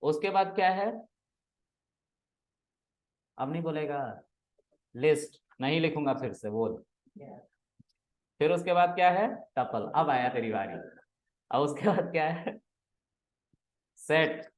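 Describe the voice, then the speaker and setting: A man's voice: on the high side, lively intonation, takes it slowly, long pauses. A man teaching a programming class, casually quizzing and teasing his students in a classroom. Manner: teasing, asks students questions and scolds them.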